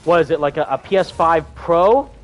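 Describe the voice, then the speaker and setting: A young man with a voice on the high side, speaking at normal speed, hosts a gaming livestream. He chats casually and reads viewer comments in an enthusiastic, rambling way, packed with fillers.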